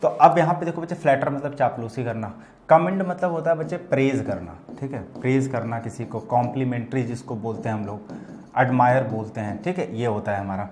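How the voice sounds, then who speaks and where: Guy teaching english words in hindi, keeps saying theek hai, drags out the examples slow. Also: medium pitch, darkish tone, a little hiss or hum. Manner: addresses students as bachelors "bachche", repeats "theek hai" often; stretches out words and example sentences slowly. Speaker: vocabulary teacher. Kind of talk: classroom vocabulary lesson.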